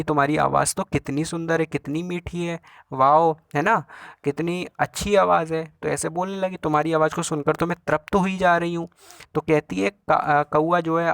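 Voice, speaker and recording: A man's voice: on the high side, a bit bright, no room sound. Man explaining a story word by word. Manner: explanatory, repeats each Sanskrit word then glosses it in Hindi. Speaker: teacher. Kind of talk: Sanskrit lesson, translating a story line by line.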